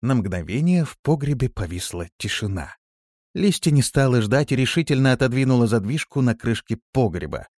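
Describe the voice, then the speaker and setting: A man narrating an audiobook in a measured, expressive reading style. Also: medium pitch, no echo. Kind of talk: scripted narration.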